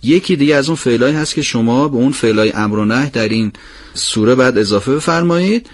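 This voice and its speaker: Male teacher explaining recitation rules. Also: medium pitch. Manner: explains rules, then recites phrases slowly and drawn out; asks questions and answers them himself. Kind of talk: recorded recitation lesson.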